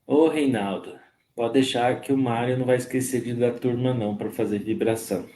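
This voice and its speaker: A man hosting a live stream with a cold, his voice hoarse, greeting viewers by name in a slow, friendly way. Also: medium pitch, steady tone, mellow. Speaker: host of a spiritist live stream. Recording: echoey room.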